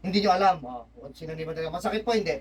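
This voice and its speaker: A man's voice: fairly high pitch, lively intonation, rapid-fire. A man working as a spiritual healer, insistently questioning a spirit and then explaining the session to onlookers. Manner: insistent, presses with repeated "ha?". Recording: distant mic with faint background noise.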